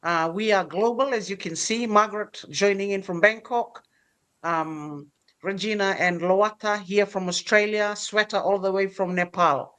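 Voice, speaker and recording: A middle-aged woman from Fiji hosting a casual livestream chat, pausing often with fillers. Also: medium pitch, a bit bright. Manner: hesitant, many fillers. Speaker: host.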